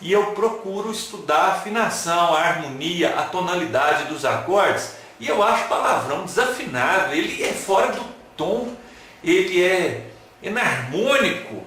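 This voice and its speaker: Jokes and audience questions, some purely rhetorical, fill this lively online lecture from a man whose voice sits high. He sounds animated and playful, while the very echoey room carries a little hiss or hum.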